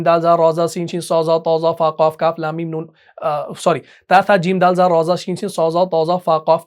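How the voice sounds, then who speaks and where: A man teaching Quran recitation in a patient, step-by-step way. He often checks in with his students and chants verses slowly in melodic recitation. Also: high-pitched. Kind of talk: tajweed lesson.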